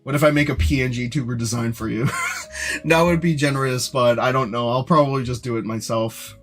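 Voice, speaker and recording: A young man streaming live, rambling casually to his chat with lots of fillers and restarts, in what he calls a monotone voice. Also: mid-range voice, brisk, soft background music. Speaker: streamer and animator.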